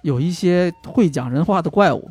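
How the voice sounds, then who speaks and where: A man in casual gaming chat who gets excitable, swears freely and steers the discussion. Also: on the high side, normal speed, husky, faint music behind.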